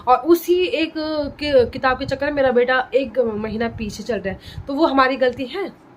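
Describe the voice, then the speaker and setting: A woman's voice: sits high, normal speed, slight background noise, low-quality recording. A woman in her thirties, a vlogger and parent, talking straight to her viewers in a heated, indignant way as she tells a story. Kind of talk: casual vlog monologue.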